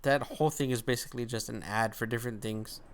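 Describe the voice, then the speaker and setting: A young man co-hosting a let's play, cracking dry, deadpan jokes in casual chat. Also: medium pitch, quick pace, a little hiss or hum.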